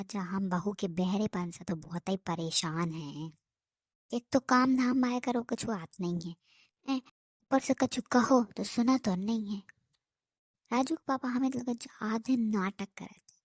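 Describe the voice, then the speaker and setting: Cartoon role: nagging old mother-in-law, high and scolding, dry and close, as a woman puts her on. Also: no room sound. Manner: scolding, suspicious, rustic speech.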